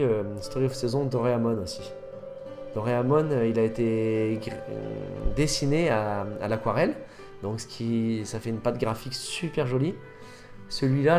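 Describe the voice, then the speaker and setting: A man's voice: lowish voice, creaky, a little mellow. A man chatting casually over gameplay, rambling and often correcting himself mid-sentence. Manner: rambling, self-correcting, fillers. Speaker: gaming youtuber.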